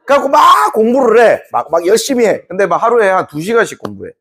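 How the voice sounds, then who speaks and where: A man's voice: sits high, very animated, fast talker, fairly bright tone. A man teaching a history class to students in a playful lecture, laughing and acting out quotes.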